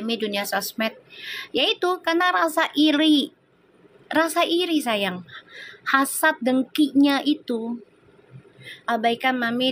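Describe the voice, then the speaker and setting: A woman's voice: on the high side, fairly bright tone, a little hiss or hum. Chatty woman tarot reader on a live stream. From Indonesia. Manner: chatty, teasing, reads viewer comments aloud; slips into singing and quick prayers. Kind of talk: casual live-stream chat.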